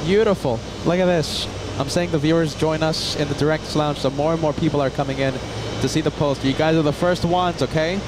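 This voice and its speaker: A man's voice: a little high, a little fast, few pauses. A man hosting a casual live plane spotting stream, addressing viewers and repeating himself for emphasis. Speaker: livestream host. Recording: steady outdoor ambient noise.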